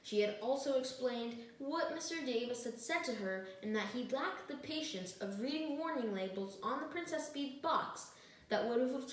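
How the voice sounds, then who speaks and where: A woman speaking as a student attorney in a mock trial, giving an earnest, emphatic closing argument. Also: on the high side. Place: echoey indoor room, recorded from a distance. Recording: very echoey room, distant microphone.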